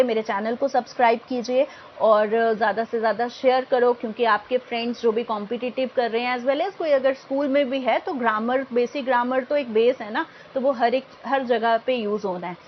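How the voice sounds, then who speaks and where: Woman grammar tutor, higher voice, patient and methodical, faint room noise. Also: fairly even intonation. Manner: explains in Hindi mixed with English, often checks in with "ठीक है"; slow, careful reading of example phrases. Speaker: English grammar teacher. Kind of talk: explanatory grammar lesson for exam aspirants. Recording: dull lo-fi home recording, faint background noise.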